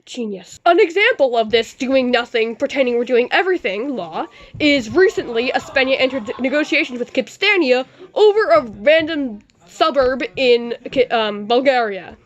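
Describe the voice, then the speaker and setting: A woman playing a sarcastic male news anchor, reading her reports in a deadpan tone with dry asides. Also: high-pitched, normal speed, hardly any pauses, dull audio. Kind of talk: amateur mock newscast.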